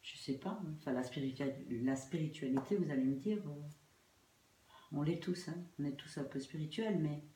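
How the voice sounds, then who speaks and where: A low-pitched woman reads tarot cards informally for her online viewers while nursing a throat infection. She speaks hesitantly, often trailing off or circling back over the same phrase. The room is echoey, with faint noise behind her. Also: normal speed, mellow. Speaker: tarot card reader.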